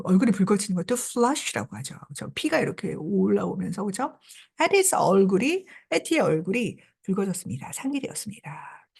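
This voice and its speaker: Lively, creaky-voiced woman teaching English. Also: medium pitch. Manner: lively, repeats prompts such as "자" and "그죠?". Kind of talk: reading a novel aloud and explaining it in Korean.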